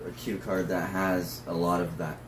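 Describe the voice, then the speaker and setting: A man's voice: low-pitched, flat delivery, normal speed. A man who is a drag performer, talking casually through notes in a discussion. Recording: roomy, distant mic with faint noise.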